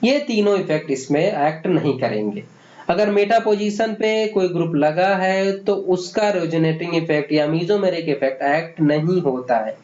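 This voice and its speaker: High-voiced man teaching chemistry, echoey room. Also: expressive, normal speed, a little mellow. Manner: asks questions and answers them himself, calls students "beta". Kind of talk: exam-prep lecture. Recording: echoey room, dull lo-fi sound.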